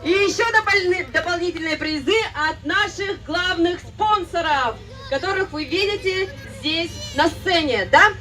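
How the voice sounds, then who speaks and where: High, bright, booming woman prize announcer. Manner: booming prize-announcer delivery, drawn-out exclamations. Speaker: event announcer and host. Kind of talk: live ceremony announcing to a crowd. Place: outdoor stage at a motorsport event. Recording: distant outdoor PA with music behind.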